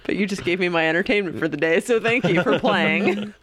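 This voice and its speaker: A wry podcast co-host tells stories in a casual chat with a teasing edge. The voice sits at a middle pitch. The sound is dry and close. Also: brisk, a bit bright, no echo.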